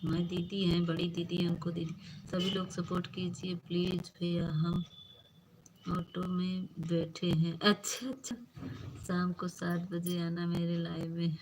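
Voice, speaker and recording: A woman's voice: on the low side, level tone, unhurried, background noise. A woman hosting a casual phone live stream, greeting viewers by name and teasingly scolding them. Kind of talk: casual live-stream chat reading comments.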